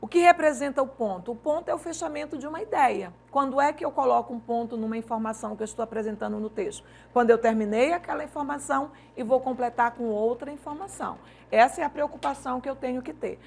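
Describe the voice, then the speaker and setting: A woman teacher from Maranhão, Brazil, with a slightly high, somewhat mellow voice, teaches a Portuguese grammar lesson for an exam-prep course. She explains things step by step, using rhetorical questions and frequent checks like "certo?" ("right?").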